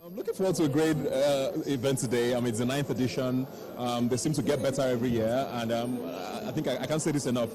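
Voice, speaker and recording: A man's voice: medium pitch, fast, few pauses. A man giving enthusiastic, complimentary red carpet chatter as a guest at an event. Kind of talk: casual red carpet interview chat. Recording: busy outdoor crowd noise.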